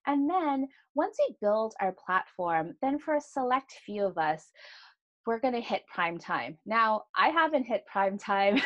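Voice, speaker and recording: A woman in her thirties, a podcast host and astrologer, speaks earnestly and confessionally on her solo show, often checking in with "right?" Her voice is medium-pitched and the recording sounds muffled.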